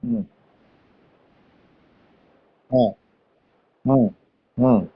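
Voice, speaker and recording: Slow-speaking Indian male teacher. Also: medium pitch, husky, narrow, tinny audio. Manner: slow, coaxing teacher prompting students to answer; explains grammar in Hindi mixed with English terms. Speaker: English teacher. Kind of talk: classroom lesson.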